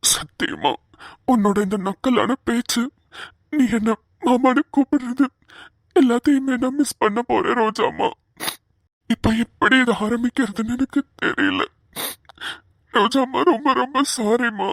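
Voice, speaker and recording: A woman's voice: on the high side, big pitch swings, a little slow, fairly bright tone, dry recording, full character voice. A woman voicing a troubled young husband who hesitates and apologizes, close and dry. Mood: sorrowful.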